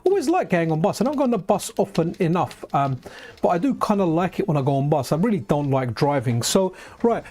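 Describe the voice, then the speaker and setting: A man hosting a live retro gaming stream, chatting excitedly with frequent restarts and asides to his viewers. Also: fairly high pitch, fairly quick.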